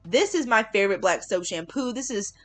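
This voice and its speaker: A woman's voice: mid-range voice, expressive, a little fast, faint music behind. A woman giving a casual, chatty tutorial voiceover in an informal way, leaning on words for emphasis. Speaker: hair care vlogger.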